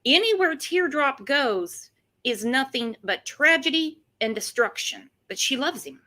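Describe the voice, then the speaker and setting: A woman's voice: high voice, animated, measured pace, bright, forceful tone. A woman hosting a casual true-crime commentary chat, with a sarcastic, mocking edge. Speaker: host.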